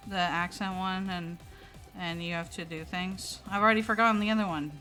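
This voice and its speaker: A young woman hosting a casual stream, teasing and protesting with quick laughs. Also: on the low side, fairly even intonation, pushed and bright. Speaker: streamer host. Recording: faint music in background.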